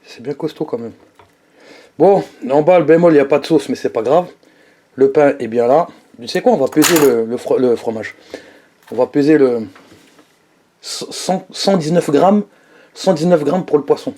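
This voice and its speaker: A young man chatting casually to his viewers in a fast-food review vlog, slangy and playful. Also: fairly high pitch, mellow.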